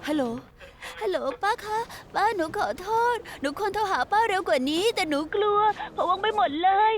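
A woman's voice: very high-pitched, very fast, dark tone. An actress dubbing a frightened young girl in a TV drama, tearfully pleading. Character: frightened young girl begging her aunt for help. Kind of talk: Thai dub of a TV drama.

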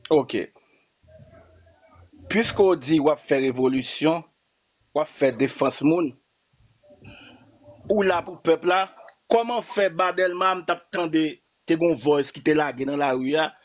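A man's voice: fairly high pitch, slow pace, pauses often, muffled recording. A man calling in to a live stream, pressing the host with pointed questions. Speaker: caller. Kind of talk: heated live call-in debate.

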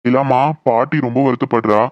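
A man voicing a gentle old village grandfather in a cartoon, speaking slowly and soothingly. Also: mid-range voice, steady tone, no room sound, lo-fi sound, natural voice. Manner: slow, soothing, consoling. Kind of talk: cartoon voice acting.

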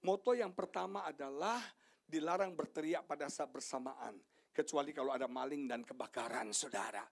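A middle-aged male pastor preaching an animated sermon, swinging from shouted lines to hushed asides and joking with the congregation. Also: fairly high pitch, normal speed, gravelly, slightly rough. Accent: Indonesian. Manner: jokes with the congregation, asks them questions. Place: church sanctuary.

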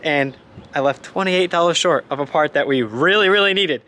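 A man's voice: on the high side, moderate pace, pushed and bright. A young man from the Boston area with a Boston accent, chatting cheerfully and laughing often while working on his car. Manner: laughs easily, upbeat. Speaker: car vlogger.

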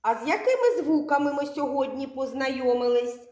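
A woman teaching young children their first letter sounds, stretching words out slowly and asking the class questions. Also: sits high, animated, darkish tone. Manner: slow, drawn-out sounds, asks children questions. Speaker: kindergarten teacher. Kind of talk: literacy lesson for young children. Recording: echoey room, from far off.

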